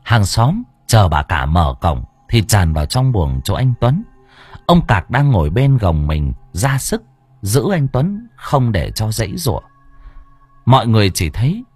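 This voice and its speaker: A male storyteller, reading a ghost tale with dramatic, wildly swooping intonation. His voice is low and husky. The sound is dry and close. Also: a little slow, no echo, faint music behind. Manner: expressive, dramatic. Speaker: audiobook narrator.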